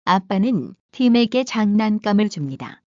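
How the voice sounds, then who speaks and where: A woman reads brief translated sentences in a plain, matter-of-fact voice at a mid pitch. The audio is dull and lo-fi, recorded dry and close. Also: big pitch swings, normal speed, a little mellow, no echo. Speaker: translation reader. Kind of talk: reading short translations for a lesson.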